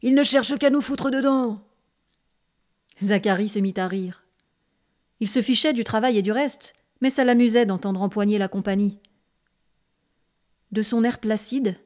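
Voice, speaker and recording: A woman's voice: mid-range voice, a little mellow. Woman narrating a classic novel. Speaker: audiobook narrator.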